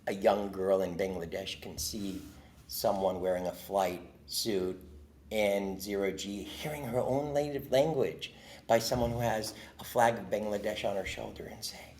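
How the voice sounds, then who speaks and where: Passionate Arabic-speaking man, low voice. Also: a little slow, darkish tone. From Jordan. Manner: passionate, earnest storytelling. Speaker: guest. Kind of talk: interview answers.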